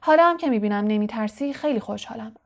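A woman reading aloud voices a kindly middle-aged father who keeps his voice low and hurried. He sounds earnest and concerned in a storybook reading, pitched a little high. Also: animated. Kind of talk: audiobook character voice.

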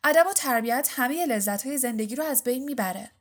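Woman doing a teen prankster boy, loud, high, teasing, storybook. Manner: mock-grand and teasing. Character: cheeky teenage boy twin, prankster.

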